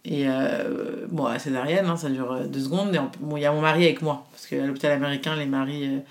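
A woman in her thirties tells a personal story in relaxed conversation. She talks in an animated way, with many fillers, and often slips into the voices of people she quotes. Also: a bass voice, quick pace. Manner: animated storytelling, quoting others, frequent fillers. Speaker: guest telling her birth story. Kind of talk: casual chat.

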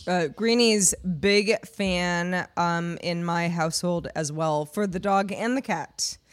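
A woman's voice: lowish voice, slow, clear, resonant tone. A woman co-hosting a podcast in casual chat, enthusiastic and giggly, with lots of "like". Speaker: podcast co-host.

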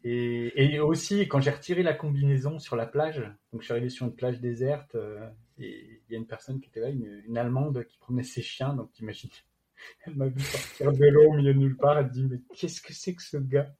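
A man with a French accent, a guest athlete telling his story casually in an interview, halting with many fillers and restarts. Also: medium pitch, steady tone, warm tone.

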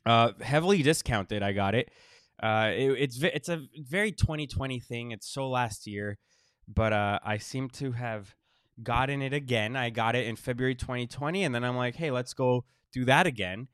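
A man hosting a casual podcast monologue, wheezy and short of breath while recovering from illness, halting with pauses and repeated phrases. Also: medium pitch, a bit bright, clear, resonant tone, no echo, clean studio sound. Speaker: podcast host.

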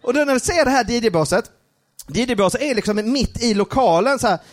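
A man's voice: very high voice, lively intonation. A young man telling a funny story on a live podcast, laughing often and using many filler words.

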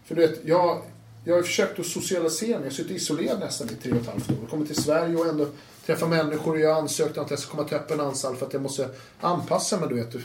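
A man with a slightly high voice tells his story in an animated, casual way. He swears freely and acts out the voices of people in it. The sound is roomy with a faint hiss behind him. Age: adult with children. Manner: animated, swears, acts out quotes, laughs often. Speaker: interview guest. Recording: roomy room with faint noise.

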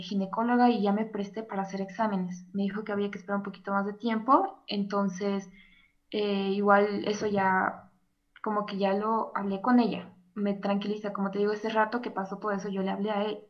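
A young Mexican woman confiding in an advice host, stopping and restarting as she searches for words. Her voice sits at an ordinary middle pitch. The recording sounds a little dull and lo-fi. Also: level tone, a little fast. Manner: hesitant, many fillers and restarts. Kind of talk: personal confession to an advice host.

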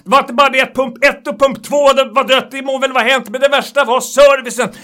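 Man playing a raging customer, high strained voice, loud, shouting complaints, insulting. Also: level tone. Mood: furious complaining. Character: furious impatient male customer at a gas station.

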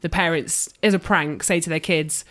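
A woman's voice: low-pitched, fairly even intonation, moderate pace, fairly bright tone. A woman with a Leicester accent chatting casually as a podcast co-host. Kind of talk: casual chat.

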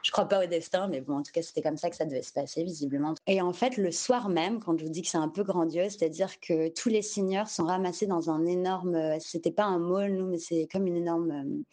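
French woman telling her story on a podcast, low mellow voice, takes her time, drops english words in. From France. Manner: unhurried, searching for words, mixing in English terms. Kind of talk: candid personal storytelling.

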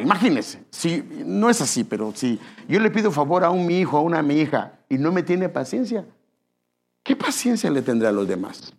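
With a fairly high, slightly rough voice, a man preaches in a conversational style. He calls his listeners brother and keeps asking them questions.

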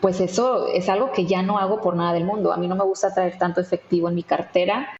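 A woman's voice: lowish voice, steady tone, fast talker, darkish tone, a little hiss or hum. Woman, interview guest, chatty with fillers, roomy dull audio. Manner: many fillers and tag questions. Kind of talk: conversational storytelling.

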